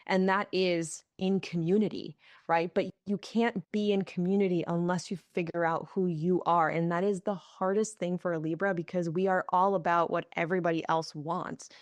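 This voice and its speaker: A woman's voice: lowish voice, fairly even intonation, moderate pace, few pauses, dry recording. A woman hosting a podcast conversation, earnest and musing, asking open, searching questions. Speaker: podcast host.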